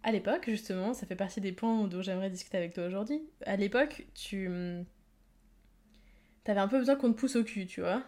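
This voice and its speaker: A woman's voice: medium pitch, a little fast. A young woman from France hosting a podcast, chatting casually and prompting her guest with encouraging follow-up questions. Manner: warm-hearted, encouraging interviewer asking follow-ups. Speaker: podcast host. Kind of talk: casual chat.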